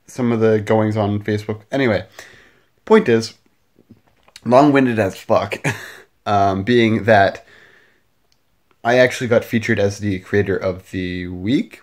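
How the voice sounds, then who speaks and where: Late at night at home, a Canadian vlogger talks casually into his camera mic, rambling with lots of fillers and self-deprecating asides. His voice is fairly low and a little mellow.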